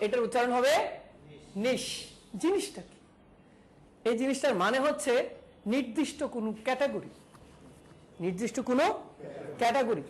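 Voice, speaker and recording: A woman's voice: a little high, a little hiss or hum. A woman teaching a digital marketing class, questioning students one by one and repeating key terms. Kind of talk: classroom lecture.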